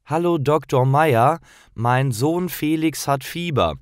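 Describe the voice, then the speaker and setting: A man voicing a caring mother, gentle and worried, speaking slowly and clearly in a softly raised voice. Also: fairly high pitch, no room sound, studio quality, voice pushed up.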